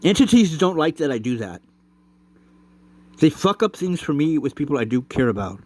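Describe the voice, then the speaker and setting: A man's voice: a little high, big pitch swings, moderate pace, darkish tone. Intense profane man. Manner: profane, intense, argues with himself. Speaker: vlogger. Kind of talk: rambling personal monologue.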